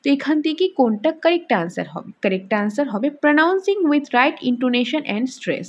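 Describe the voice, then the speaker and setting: High-voiced woman teacher, lo-fi sound. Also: expressive. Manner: reads English options slowly, explains in Bengali. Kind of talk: exam practice lesson. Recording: dull lo-fi recording.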